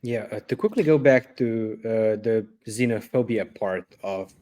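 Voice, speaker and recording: A man's voice: fairly low pitch, a little slow, mellow. Hesitant man hosting a podcast. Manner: thoughtful, hesitant, many fillers. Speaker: podcast host. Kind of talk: casual podcast chat.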